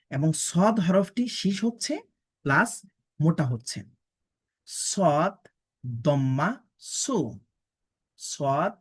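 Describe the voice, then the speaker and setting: A woman's voice: low voice, slightly rough. A woman teaching Quran pronunciation, spelling out letters and vowel marks syllable by syllable and explaining patiently. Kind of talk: pronunciation drill lesson.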